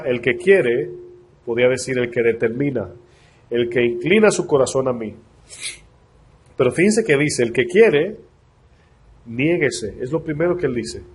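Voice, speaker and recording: A male pastor giving a sermon to his congregation. He sounds congested and husky, speaks earnestly, and slows down when reading scripture. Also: mid-range voice. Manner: earnest preaching, addressing the congregation directly; slows down to read scripture aloud.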